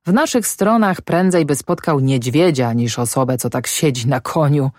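A woman voicing an excitable middle-aged male peasant farmer who speaks in rustic dialect, grumbling and shouting at times. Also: low-pitched, normal speed, dry recording, studio quality. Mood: amused muttering.

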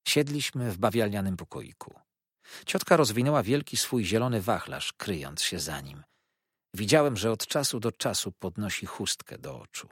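A man narrating a classic novel as an audiobook, reading in a measured, expressive way. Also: on the low side, slightly rough, dry recording, studio quality.

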